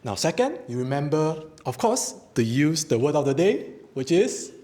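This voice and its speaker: A man's voice: fairly high pitch, sing-song, normal speed, dark tone. A man, the club president, evaluating a speech and praising the speaker.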